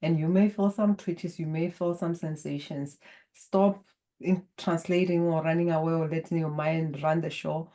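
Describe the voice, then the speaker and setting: A woman with a Botswana accent, a native Setswana speaker, appears as a guest healer in an interview. Her voice is low and warm, and her delivery is calm and measured, with a tone of spiritual guidance.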